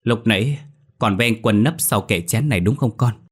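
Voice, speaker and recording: A man's voice: on the low side, normal speed, slightly rough. A man voicing a blunt young man who is helping search for a missing child. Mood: puzzled.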